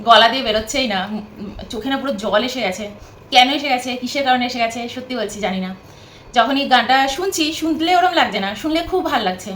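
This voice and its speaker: A woman's voice: a little high, animated, fast, fairly bright tone, roomy sound, slight background noise. A woman vlogging at home from her bed, chatting casually to the camera, rambling and repeating herself.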